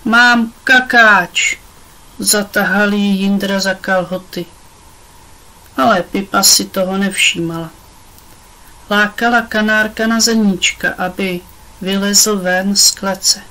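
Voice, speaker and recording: A woman reading a children's book aloud with expressive storytelling. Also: mid-range voice, poor audio. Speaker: audiobook reader. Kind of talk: children's audiobook narration.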